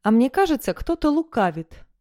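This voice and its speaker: A woman's voice: mid-range voice, animated, a little fast, dark tone, no echo, clean studio sound, natural voice. A woman reading the lines of a teasing, nosy teenage girlfriend in an audiobook.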